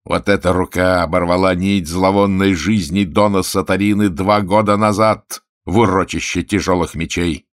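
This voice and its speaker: A man's voice: fairly low pitch, big pitch swings, normal speed, no echo, studio quality, pitched above the performer's own voice. A man reading aloud and voicing a proud boy who plays a scornful, commanding knight.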